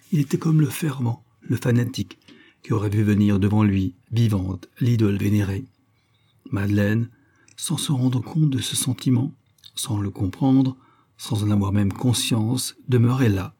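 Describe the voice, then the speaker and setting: A man reading a serial novel aloud as an audiobook, with measured, expressive phrasing in short clauses. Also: on the low side, breathy edge. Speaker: audiobook narrator.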